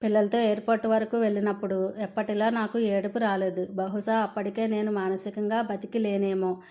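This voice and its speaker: A woman narrating a first-person family story in a steady, subdued reading. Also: mid-range voice.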